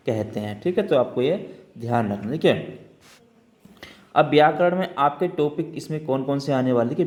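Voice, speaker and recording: A man teaching a grammar lesson for exam students, repeating terms and checking in with quick questions. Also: mid-range voice, a little mellow. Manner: repetitive, keeps checking with "ठीक है" and asking questions back. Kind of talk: spoken Hindi grammar lesson.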